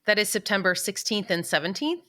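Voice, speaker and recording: A woman's voice: medium pitch, expressive, fairly quick, sharp tone. A woman guest, a spiritual teacher, explaining her workshop in a conversational way.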